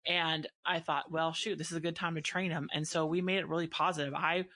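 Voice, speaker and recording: A woman's voice: low voice, level tone, brisk, a bit bright, no echo. A woman hosting a casual conversation, talking earnestly and emphatically and thinking aloud as she goes. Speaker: podcast host and dog breeder.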